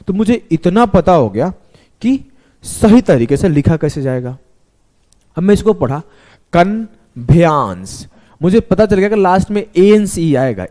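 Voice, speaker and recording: Lively, mellow-voiced male math teacher. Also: fairly high pitch. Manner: animated, talks students through step by step, spells words letter by letter. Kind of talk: classroom lesson explanation.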